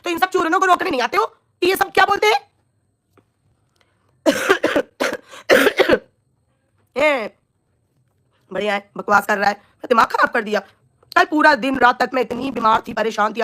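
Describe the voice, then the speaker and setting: On a live stream, a woman with a scratchy, coughing throat angrily rants at viewers, scolding and insulting a rival in a heated voice. Her pitch is fairly high and her tone fairly bright.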